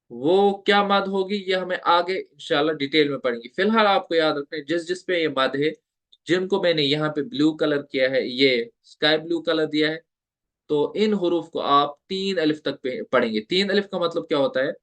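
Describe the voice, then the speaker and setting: Patient man teaching recitation, higher voice. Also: normal speed, fairly bright tone. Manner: patient, repeats points and asks the listener questions; draws out letter sounds for demonstration. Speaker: Tajweed teacher. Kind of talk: online lecture.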